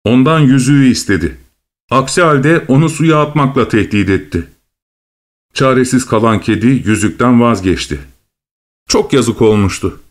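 A man reading a fairy tale aloud at a medium pitch. His narration is measured and expressive, paced like a storybook.

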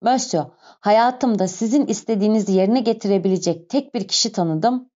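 A woman voicing a cold, deliberate police inspector. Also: medium pitch, dark tone, close to an everyday voice. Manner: cold, deliberate, stressing each word. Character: stern watchful male police inspector. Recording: dull lo-fi recording.

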